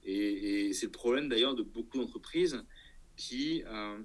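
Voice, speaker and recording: A man's voice: fairly low pitch, unhurried, husky, low-quality recording. A man talking casually in an interview as an entrepreneur, hesitating and thinking aloud, often checking that the listener follows. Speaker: entrepreneur guest.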